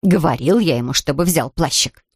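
A woman's voice: deep voice, animated, normal speed, husky, dry recording, studio quality, heavily acted. A woman doing a grumbling old housekeeper. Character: grumbling older female housekeeper.

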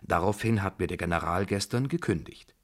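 A man reading aloud and voicing a young tutor who answers calmly and modestly. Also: low voice, fairly quick. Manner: calm, modest, polite. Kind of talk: radio drama reading.

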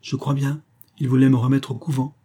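Un homme lisant à voix haute prête sa voix à une jeune fille naïve et romanesque, ardente et docile. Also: male voice, medium pitch, level tone, a little fast, mellow, husky, voice pushed up, close to an everyday voice. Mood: determined. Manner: eager, breathless and yielding.

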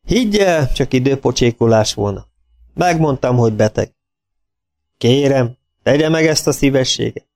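A man's voice: mid-range voice, animated, pauses often, darkish tone, no echo, clean studio sound, close to an everyday voice. A man voicing a desperate moustached dog owner who pleads and then rages, in a storybook reading. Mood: pleading.

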